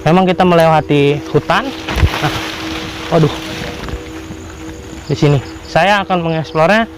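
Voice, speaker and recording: A man narrating an exploration vlog to viewers in a halting, repetitive way. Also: fairly high pitch, over music, poor audio. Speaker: vlogger exploring abandoned houses. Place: abandoned roofless house and overgrown grounds in drizzle.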